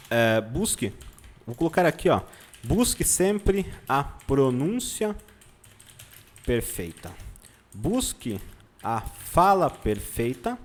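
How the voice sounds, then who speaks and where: A man teaching German online, giving sarcastic mock-serious advice and checking in with "tá?" as he writes points on a board. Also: medium pitch. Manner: writes on a board while talking, slowing to spell out points.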